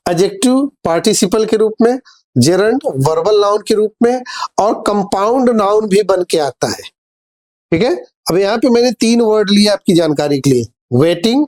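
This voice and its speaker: A man's voice: high-pitched, darkish tone. A man teaching English grammar in a classroom-style lesson. He explains patiently, asks questions and answers them himself, and addresses his viewers as dear children. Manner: reads English example sentences slowly and deliberately.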